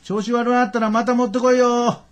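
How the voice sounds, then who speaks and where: In a radio drama, an actor plays a gruff but good-natured middle-aged father who repairs bicycles, grumbling and blustering in a Kansai accent. His voice is very high, his tone level and his delivery brisk.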